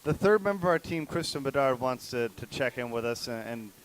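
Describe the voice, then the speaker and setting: A man's voice: medium pitch, animated, a little fast, low-quality recording. A man hosting a sports broadcast, brief and relaying viewer questions to guests. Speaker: play-by-play host.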